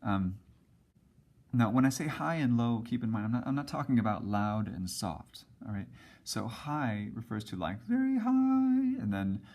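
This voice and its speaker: Low-voiced guy teaching music basics, lots of ums, casual and a bit halting. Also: darkish tone. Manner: casual, hesitant with many ums and restarts. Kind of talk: whiteboard music lesson.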